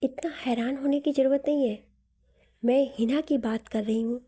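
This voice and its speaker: A woman's voice: fairly high pitch, husky. Woman voicing an older doting mother. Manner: relaxed, matter-of-fact. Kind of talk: storybook narration.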